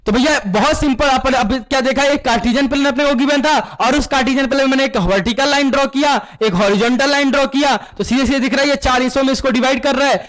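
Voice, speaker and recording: High-voiced Hindi math teacher drilling students. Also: male voice, fast, few pauses, fairly bright tone. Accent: Indian Hindi with English terms. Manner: repeats questions and drills answers, calls students beta. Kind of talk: classroom lesson with call-and-response.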